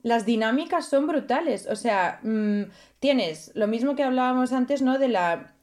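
A woman's voice: a little high, animated, a little slow, darkish tone. A woman co-hosting a podcast, talking bluntly and outspokenly in casual chat. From Spain. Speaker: podcast co-host.

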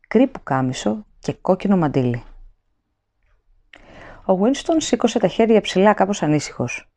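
Low-voiced, mellow woman narrating an audiobook.

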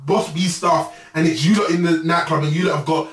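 A man's voice: a little high, steady tone, brisk, recorded from a distance. A young man with a London roadman accent and slang-heavy street talk, bantering casually. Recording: roomy echo, off the mic.

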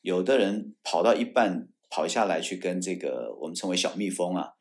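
Deep-voiced and speaking at a moderate pace, the man, a Taiwanese ex-military judge advocate, shares a story during an informal interview. He keeps starting over and repeating words, and he dramatizes the lines he quotes, yelling the angry ones.

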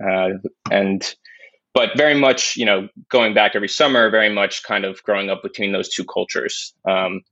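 A young man with a gravelly, flat, lowish voice speaks at normal speed, recorded with dull, dry lo-fi sound. Born in Spain and raised in New York, he's a climate investor chatting casually as a podcast guest, thoughtful with many restarts and fillers.

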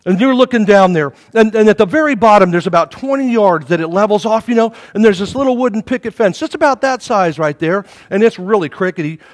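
A man's voice: high voice, fairly quick, few pauses. A male pastor preaching a sermon, telling stories with acted-out voices and jokes in a church. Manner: animated storytelling, acts out voices, jokey. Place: church sanctuary. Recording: reverberant hall.

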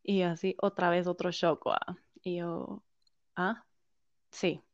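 Woman, interview guest, animated storyteller who quotes others; dry, slightly muffled recording. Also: on the low side, takes it slowly, dry recording. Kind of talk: personal story in conversation.

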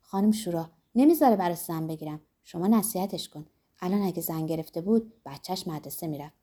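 A fussing old servant woman who sighs and dotes on the family, as a woman reads her in an audiobook. She talks tenderly, with a slightly raised, lifted pitch. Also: expressive, mellow, husky. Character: sighing elderly female household servant, doting. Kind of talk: audiobook character reading.

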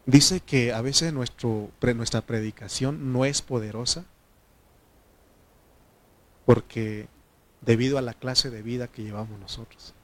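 A man's steady, mid-range voice carries an informal sermon full of filler pauses, with the preacher repeatedly calling out amens to his congregation.

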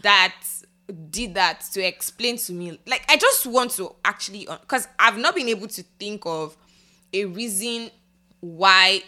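A woman's voice: mid-range voice, a little slow, bright, forceful tone. A woman co-hosting a podcast, chatting casually and animatedly, exclaiming and laughing as she talks. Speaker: podcast co-host. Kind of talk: casual chat.

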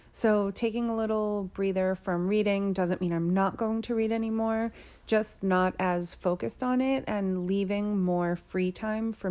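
A woman's voice: lowish voice, a little mellow. A woman hosting a solo podcast, talking casually and informally about her own life like a personal check-in. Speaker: podcast host.

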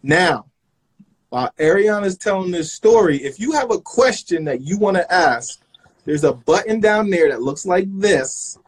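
Lively-voiced male show host. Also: high-pitched, a little slow, slightly rough, rough recording. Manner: lively, explains show rules. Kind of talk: live online chat show.

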